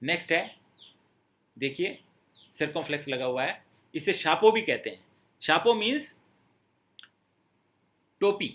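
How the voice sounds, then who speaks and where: A French teacher's high, bright, forceful male voice carries the language lesson. He breaks things down step by step, says words again, and checks his students' understanding.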